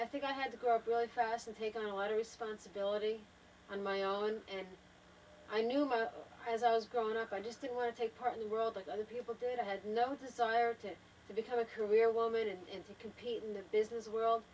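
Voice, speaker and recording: A woman's voice: fairly high pitch, steady tone, fairly quick, recorded from a distance, a little hiss or hum, poor audio. An older woman in a travel trailer, talking thoughtfully and unhurriedly to a home video camera, often trailing off and restarting her sentences. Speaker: wife in a family home video. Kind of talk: casual reflective talk to camera.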